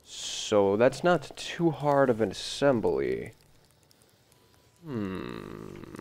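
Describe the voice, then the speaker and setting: A man with a deep, gravelly voice, groggy from an early morning session, rambling through casual gameplay commentary and talking to the machines he builds. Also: huge pitch swings, extremely slow, darkish tone. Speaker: gameplay video host.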